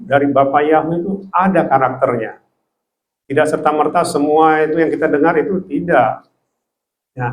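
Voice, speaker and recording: A man preaching a devotional sermon in an earnest way, repeating key phrases for emphasis and getting louder when he scolds. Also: a little high, poor audio.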